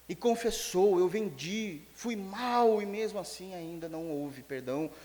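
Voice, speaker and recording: A Brazilian man preaching a sermon as pastor, telling a story in an animated way and acting out its dialogue. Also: on the high side. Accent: Brazilian Portuguese. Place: church sanctuary. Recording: long church hall reverb.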